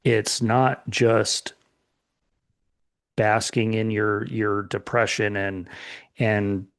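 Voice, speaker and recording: A middle-aged man co-hosting a casual chat, talking slowly and thoughtfully with many restarts. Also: on the low side, flat delivery, no echo, studio quality. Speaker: podcast co-host.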